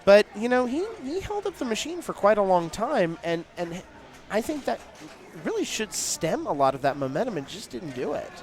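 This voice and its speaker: This play-by-play commentator at a live tournament has a high, sing-song voice and a moderate pace. He breaks the action down analytically, talking at length and using frequent fillers.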